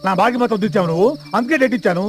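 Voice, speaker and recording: A man playing a shrill, scheming comic broker. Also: rapid-fire, faint music behind, close to an everyday voice. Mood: scolding. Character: scheming comic male broker, bossy and crude. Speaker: pimp-like broker. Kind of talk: film comedy scene.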